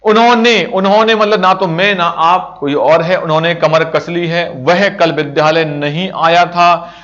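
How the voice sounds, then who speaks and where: A man's voice: a little high, fairly even intonation, measured pace, a bit bright. A man teaching a grammar lesson, explaining each term step by step with repeated examples. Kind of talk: grammar lesson over slides. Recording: dull lo-fi recording.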